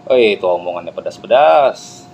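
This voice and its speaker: Lively low-voiced man telling a fable. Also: normal speed, gravelly, a little hiss or hum, rough recording. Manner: lively, chatty storytelling with asides. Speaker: motivational speaker. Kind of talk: motivational storytelling.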